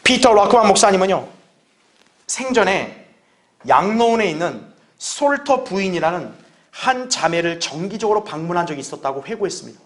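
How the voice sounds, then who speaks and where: A pastor with a high-pitched male voice preaches a Sunday sermon to his congregation at a normal speed. He is animated, earnest, and conversational, relying on rhetorical questions to drive his point home.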